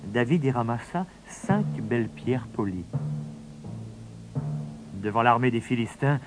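A man reading a children's storybook aloud in a measured, dramatic narration. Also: medium pitch, expressive, over loud music.

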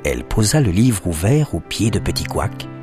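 A man narrating a children's story expressively, dropping to a hush at suspenseful moments. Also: sits low, sing-song, normal speed, over music.

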